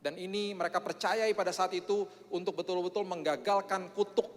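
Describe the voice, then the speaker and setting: A man's voice: high-pitched, fairly even intonation, brisk. A male pastor preaching a sermon with a joking, self-mocking manner and frequent "eh" fillers. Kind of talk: sermon with prayer. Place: church hall. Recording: long church hall reverb.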